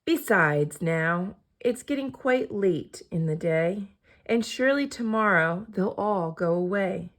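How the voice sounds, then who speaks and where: A woman reads a children's picture book aloud, storytelling expressively in a slow, mid-range voice.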